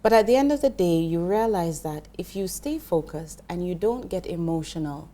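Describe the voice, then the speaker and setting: In this interview conversation, the guest is an investment professional: a middle-aged woman from Jamaica who talks through finance with earnest care and frequent restarts. She speaks at a moderate pace in a fairly low, mellow, expressive voice.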